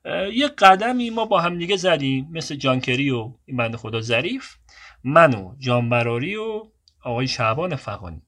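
A man recounting a personal story in casual, unscripted speech at a middling pitch. He wanders off on side remarks and then cuts himself short to get back to the thread. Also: lively intonation, a bit bright. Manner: digressive, keeps cutting himself off and moving on.

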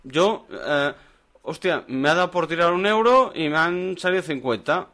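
A man's voice: fairly high pitch, expressive, moderate pace, bright, forceful tone. A man, chatting casually as podcast co-host in front of a live bar audience, joking and restarting his sentences. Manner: joking, rambling anecdotes with many restarts.

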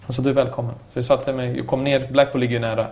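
Talkative former footballer, lively storyteller. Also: male voice, mid-range voice. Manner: talkative, animated storytelling with frequent restarts. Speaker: former professional footballer, youth coach. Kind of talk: casual interview conversation.

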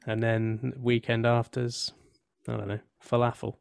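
A man of medium pitch chats on a football podcast panel. His phrasing is loose and a little hesitant, in an informal conversational style. The sound is dry. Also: completely flat delivery, a little slow, vocal fry, clear, resonant tone, no echo. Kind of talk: casual football podcast chat.

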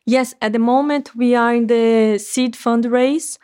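A woman's voice: on the high side, fairly even intonation, a little slow, dark tone, smooth. Earnest woman explaining her research. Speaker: startup founder. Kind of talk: interview answers.

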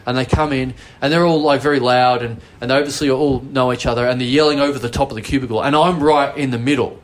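Speaking fast in a steady, mid-range voice, a man with an Australian accent hosts a casual podcast and spins a long, rambling story. He swears freely and makes fun of himself. Slight background noise can be heard.

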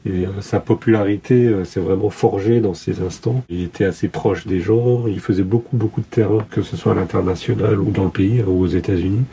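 Husky dark-voiced man, hesitant. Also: fairly low pitch, fairly even intonation, a little fast, few pauses. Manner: hesitant, many fillers and restarts. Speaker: journalist guest. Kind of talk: explanatory interview answers.

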